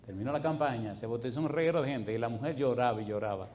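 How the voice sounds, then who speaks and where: A middle-aged male pastor preaching a sermon through lively, colloquial anecdotes, breaking into loud, high bursts. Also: quick pace. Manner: animated, colloquial storyteller who swings into loud, high bursts. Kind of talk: storytelling sermon.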